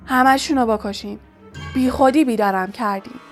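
A woman's voice: a little high, faint music behind, close to an everyday voice. A woman voicing an ancient, blind giant male spider in an audiobook, speaking in furious outbursts. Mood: irritated. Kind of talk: audiobook reading.

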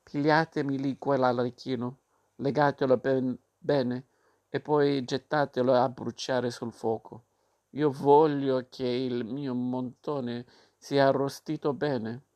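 A man reading aloud and voicing a gruff, rasping male puppet master who blusters and barks orders while sneezing. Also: mid-range voice, level tone, slow, darkish tone. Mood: harsh commands. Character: gruff bearded male puppet master, bluff but soft-hearted. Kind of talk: audiobook reading.

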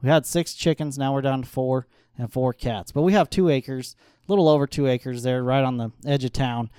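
A man as an interview guest, telling lively stories in casual chat, laughing often and acting out what others said. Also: mid-range voice, a little fast, clear, resonant tone, no echo, clean studio sound. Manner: animated storyteller, laughs often, acts out quotes.

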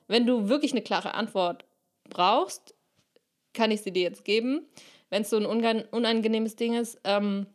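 A woman's voice: a little high, darkish tone. A woman hosting a solo podcast in a casual, chatty way, often acting out little inner voices. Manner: chatty, uses filler words and acted inner voices. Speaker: podcast host.

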